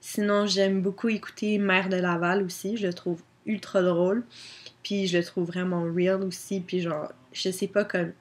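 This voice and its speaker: A young Québécois woman vlogger from Quebec chats casually to her webcam, answering questions with lots of fillers. Her French-accented voice is fairly low, with little pitch movement, at a normal speed.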